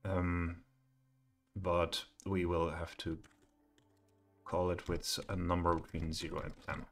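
A middle-aged man with a deep, low voice talks through a live coding session from his home office. He thinks aloud, pausing often with ums and uhs. Faint music and keyboard clatter sit behind him. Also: level tone, vocal fry. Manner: thinking aloud, hesitant with many fillers. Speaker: programming tutor.

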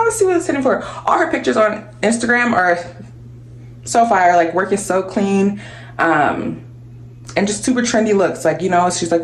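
A woman's voice: medium pitch, reverberant, a little hiss or hum. A young woman vlogging casually from her apartment into a phone at arm's length, chatty, slangy and laughing often. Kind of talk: casual vlog chat. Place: apartment kitchen and home.

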